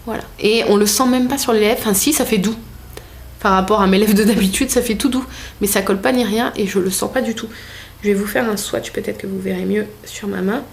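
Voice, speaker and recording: A woman's voice: medium pitch, steady tone, fairly quick, gravelly, a little hiss or hum. A young woman chatting casually to camera in a makeup vlog at home, talking with many fillers and restarts. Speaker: beauty vlogger. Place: home room with a desk.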